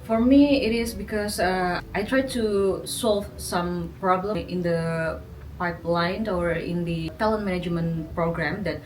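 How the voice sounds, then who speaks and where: A woman around forty with an Indonesian accent, answering interview questions in a thoughtful, halting way with many fillers. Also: fairly low pitch, faint music behind. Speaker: interviewee, graduate student. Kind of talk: casual interview. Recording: distant mic, faint background noise.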